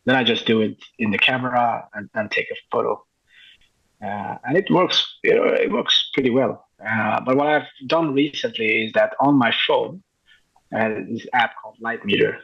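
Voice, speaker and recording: A man talks about his photography in a relaxed interview, eager and full of small restarts. His voice is gravelly and husky, and the recording sounds dull and lo-fi. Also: mid-range voice. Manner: enthusiastic, halting with frequent restarts. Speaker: street photographer guest. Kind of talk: casual interview chat.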